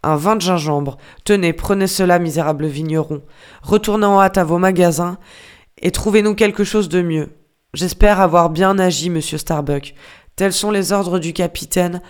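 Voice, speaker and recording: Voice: medium pitch, moderate pace, clear, resonant tone, close to an everyday voice. An audiobook reader voicing a sarcastic, hot-tempered male ship's mate who scolds a steward with mocking questions. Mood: scolding. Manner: mocking, hammering rhetorical questions. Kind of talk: audiobook character reading.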